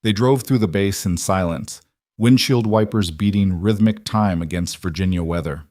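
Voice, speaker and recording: Measured, low-voiced male narrator. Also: dry recording, clean studio sound. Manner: measured, terse, deadpan. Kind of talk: scripted story narration.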